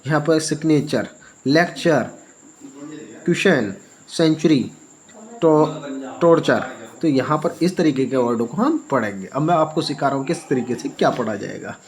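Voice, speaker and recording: A male English teacher who spells words letter by letter and reads them out slowly for learners, often repeating himself and asking rhetorical questions. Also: medium pitch, animated, a little mellow, rough recording.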